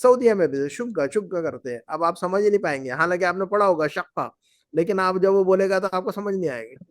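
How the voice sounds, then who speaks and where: A man's voice: sits high, lively intonation, dry recording, studio quality. A male Arabic teacher leading a class, patiently repeating words and quizzing his students. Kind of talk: language class, drilling students. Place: class run from Bahrain.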